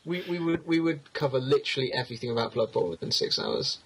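Husky man with a Wiltshire West Country accent. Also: medium pitch, sing-song, quick pace, a bit bright, rough recording. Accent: West Country English, Wiltshire. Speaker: podcast co-host. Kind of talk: casual chat.

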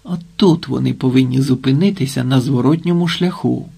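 A man's voice: mid-range voice, normal speed, creaky, dark tone, slightly rough. A man reading the lines of a commanding Cossack leader in an audiobook.

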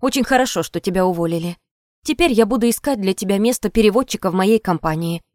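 Brisk scolding mother, voiced by a woman. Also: medium pitch, darkish tone, dry recording, studio quality, lightly acted. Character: middle-aged businesswoman mother, brisk and dismissive.

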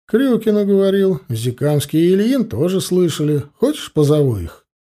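A calm, ironic police investigator in an audiobook, voiced by a male reader, coaxing a suspect with lively, rising and falling intonation. his voice is mellow and a touch husky, with a gravelly edge. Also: high-pitched, normal speed, pitched above the performer's own voice.

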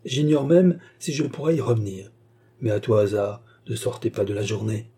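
A man's voice: on the low side, expressive, normal speed, warm tone, breathy edge. A man reading a storybook and voicing a composed, secretive young courtesan woman with a firm manner. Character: cool-headed resolute young courtesan woman.

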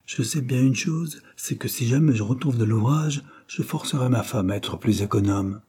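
A man's voice: medium pitch, moderate pace, warm tone, husky, pitched above the performer's own voice. A man reading an audiobook, voicing a stubborn, emphatic unemployed working man. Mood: determined. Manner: emphatic, determined.

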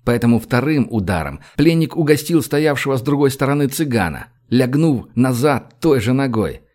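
A man reads an audiobook at a steady, measured pace. His voice sits in a middle register and shifts up or down when the characters speak. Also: mid-range voice. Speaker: audiobook narrator.

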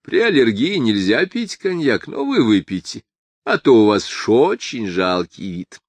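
Audiobook character: a calm, mocking male doctor who lectures, read by a man, lively pitch, dry sound. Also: unhurried, husky, dry recording, full character voice. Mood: wry.

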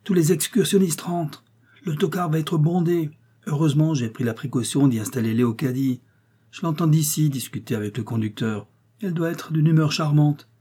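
A man's voice: fairly high pitch, moderate pace, warm tone, husky, voice pushed up. A man reading aloud, voicing a grumbling middle-aged male pharmacist who blusters and exclaims. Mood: hurried.

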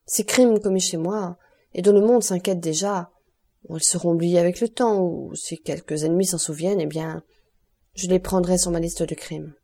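A woman's voice: on the low side, steady tone, normal speed, mellow. Villefort, an anguished prosecutor, read by a woman. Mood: brooding. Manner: tense, urgent outbursts. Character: anguished middle-aged male royal prosecutor.

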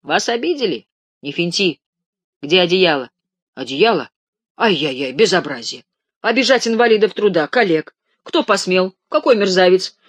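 In a dry, close reading, a man gives voice to a loud, blustering male patient, a former thief who shouts and wheedles in indignation. The voice is raised and pitched high. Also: moderate pace, slightly rough, no echo. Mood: indignant. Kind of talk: audiobook reading.

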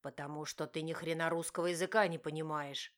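A woman's voice: low voice, fairly even intonation, a little fast, natural voice. Woman voicing a growling, furious young husband. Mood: angry. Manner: growling, shouting, harsh. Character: angry domineering young husband, man.

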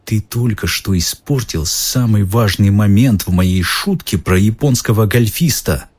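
A man voicing a menacing, bad-tempered middle-aged uncle who speaks through clenched teeth, with a husky voice. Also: on the low side, a little slow, darkish tone.

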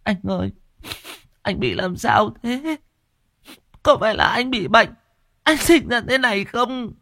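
Frantic wife, as a male narrator puts her on, high and pleading, lively pitch, dry recording. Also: unhurried, gravelly, no echo, full character voice. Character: anxious young wife, pleading.

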